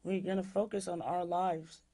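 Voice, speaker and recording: A woman's voice: on the low side, fairly even intonation, normal speed, mellow. A woman activist telling a story in a studio interview, plain-spoken, with "um" and "like" fillers. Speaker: activist guest.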